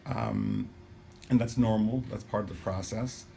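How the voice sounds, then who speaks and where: A man talking casually to camera in a halting, explanatory way, sounding weak and dry-mouthed as he recovers from surgery. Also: fairly low pitch, very animated, gravelly, mellow. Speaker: patient recording a personal video diary. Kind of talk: casual spoken vlog, explanatory. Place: hospital room. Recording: noticeable background room noise.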